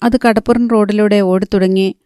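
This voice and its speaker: A woman narrating a novel in a calm, even storytelling manner. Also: medium pitch, normal speed, smooth, no room sound, studio quality. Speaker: audiobook narrator.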